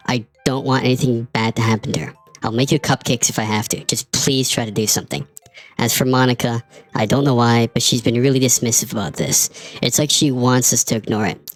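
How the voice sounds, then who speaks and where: A woman's voice: extremely low pitch, low-quality recording. Natsuki, a worried teenage girl, read by a woman. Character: teenage girl, prickly but worried about a friend. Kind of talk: reading game dialogue aloud.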